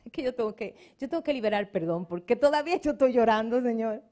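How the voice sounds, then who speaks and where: A fast-talking middle-aged woman pastor with a higher voice delivers a sermon. She tells her stories emphatically and with energy, dropping in bits of English along the way.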